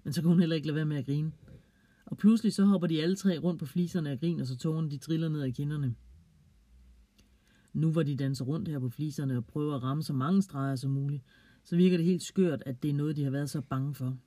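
A man reading a children's audio story aloud in a calm, clear way, closing with a short sign-off to listeners. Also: on the high side, no echo.

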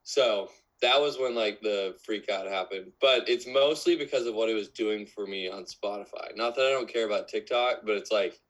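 A man's voice: on the low side, moderate pace, few pauses, a bit bright, low-quality recording. A man of twenty-one, a musician guest in a casual podcast interview, talking in a rambling way full of fillers.

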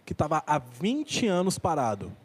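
A man speaks as a disembodied voice from off camera, never seen, co-hosting a live show. His pitch sits a little high and swings widely, with a playful, teasing manner. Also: sing-song, a little slow, breathy edge. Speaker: off-camera co-host. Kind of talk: casual live show banter.

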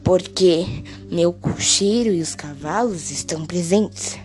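A woman voicing a sinister old male vampire count who speaks slowly and with polite menace in a storybook reading. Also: lowish voice, a little mellow, faint music behind. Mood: calm menace.

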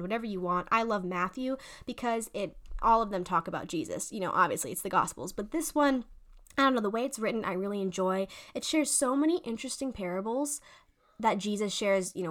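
Excited young woman faith podcaster. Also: mid-range voice. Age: young adult. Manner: fast, excited, gushing. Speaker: podcast host. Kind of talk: casual faith podcast monologue.

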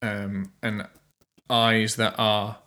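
A man narrating an improvised tabletop game as game master, halting as he searches for words. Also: fairly low pitch, flat delivery, sharp tone.

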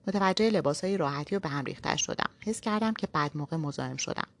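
Woman narrating a novel in first person. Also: deep voice. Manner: steady first-person storytelling.

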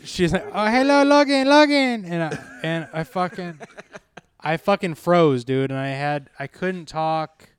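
A man telling a story in casual chat, swearing a lot and acting out quotes in put-on high voices. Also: steady tone, a little slow, clear, resonant tone, no room sound.

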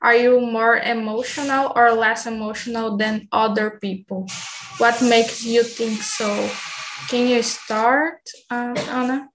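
A nineteen-year-old Brazilian woman from Bahia, with a Brazilian accent, hosts an English conversation group on a video call for casual online practice. Her voice is a little high and steady, and she goes slowly, hesitating with many ums against a noisy background.

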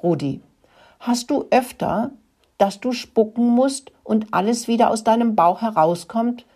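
Woman doing a calm wise father mouse. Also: on the high side, unhurried, voice pushed up. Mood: patient. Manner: calm, patient explaining.

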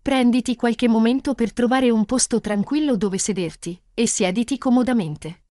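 A synthetic text-to-speech woman's voice reading a guided meditation slowly and calmly. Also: on the high side, no echo, studio quality. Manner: slow, calm, soothing.

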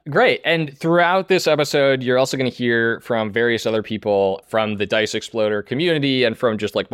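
A man's voice: lowish voice, a bit bright, clear, resonant tone, dry recording. Informal male podcast host, dry sound. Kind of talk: casual hosting chat.

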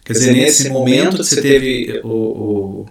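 A man's voice: medium pitch, a little slow, creaky. Man, podcast host, rambling questions, very echoey room, far from the mic. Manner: rambling, restarts his questions. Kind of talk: casual interview questions.

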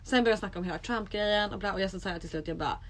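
A young woman co-hosting a podcast in casual chat, telling a story with lively acted-out quotes. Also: mid-range voice. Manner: animated storytelling, acts out quotes. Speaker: podcast co-host.

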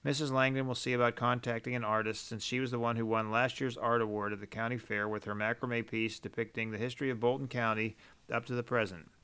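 A short, round male mayor full of his own importance, every sentence padded with formal officialese. A man reads him aloud, his tone smooth and resonant. The storybook voice sits in a middle register, only a little raised. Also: mid-range voice, little pitch movement, fast talker, pushed and bright, natural voice. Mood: officious. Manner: formal, long-winded officialese.

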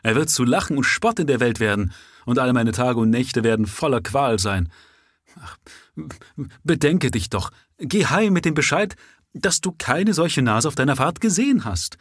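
A man reading a story aloud and voicing a distraught nobleman who begs in a high, strained voice for his father's sake. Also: normal speed, no echo, clean studio sound, lightly acted. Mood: pleading. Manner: begging, wailing, high and strained. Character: distraught pleading Korean nobleman, a son.

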